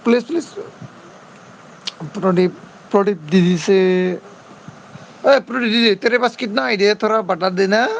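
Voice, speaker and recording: A man's voice: high voice, normal speed, vocal fry, long pauses, slight background noise. A man chatting casually on a livestream, reading out viewer comments and pleading for comments and friend requests. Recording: dull lo-fi sound.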